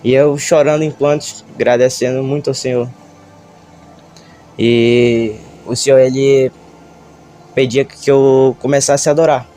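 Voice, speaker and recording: A nervous man with a Brazilian Portuguese accent gives an emotional church testimony. He halts and stammers often. His voice is mellow and dark, and it stays level, with soft music far behind him. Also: mid-range voice, steady tone. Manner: halting, stammering, emotional retelling. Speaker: church member giving testimony.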